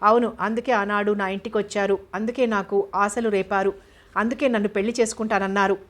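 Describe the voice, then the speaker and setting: A woman voicing a proud, wronged young woman who speaks indignantly and forcefully, in an audiobook. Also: medium pitch, fairly even intonation, a little fast, natural voice. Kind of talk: audiobook character voice.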